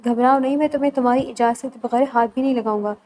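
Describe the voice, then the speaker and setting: An earnest young husband, soft-spoken and reassuring, pleading gently in a storybook romance, read by a woman in her own high voice. The delivery stays calm and even. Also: close to an everyday voice, poor audio. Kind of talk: novel read aloud.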